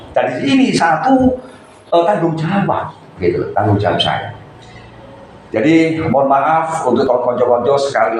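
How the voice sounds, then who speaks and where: A man coaching members at a meeting, chatty and lecturing, with lively asides. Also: medium pitch, a little hiss or hum. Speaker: coordinator of a local radio community. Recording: echoey room, faint background ambience.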